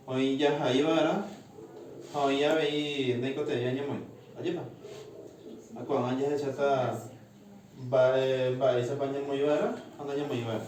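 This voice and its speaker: A man leads a classroom language lesson at a slow, deliberate pace, drilling words aloud for his students. He is heard from far off in a very echoey room, with faint noise behind him. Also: mid-range voice, a little mellow.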